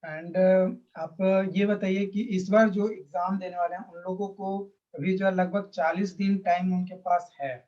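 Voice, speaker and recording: A man's voice: sits high, flat delivery, moderate pace, hardly any pauses, lo-fi sound. A man hosting the interview, asking the guest short prompting questions. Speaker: host and teacher.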